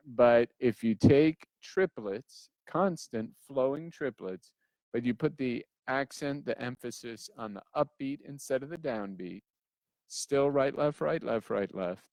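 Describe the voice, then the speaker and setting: A man's voice: mid-range voice, darkish tone, no echo. A man giving a casual drum lesson who counts in aloud and sometimes wanders off topic. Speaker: drum teacher. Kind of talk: casual instructional talk.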